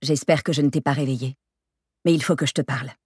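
A composed man who speaks calmly, firmly and in a measured way, as a woman reader voices him. The voice stays low and husky. The reading is close and dry. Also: no echo, full character voice. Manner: calm, firm, measured. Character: calm firm adult man, an ex-boyfriend.

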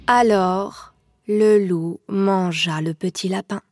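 A woman reading a children's picture book aloud in a slow, expressive storytelling voice, over instrumental music. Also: medium pitch, no echo.

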